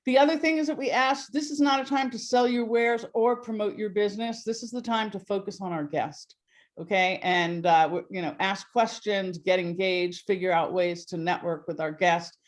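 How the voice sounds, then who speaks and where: Hosting a live webinar over a video call, a woman talks warmly and rambles, filling her speech with fillers. Her pitch is medium and her pace moderate.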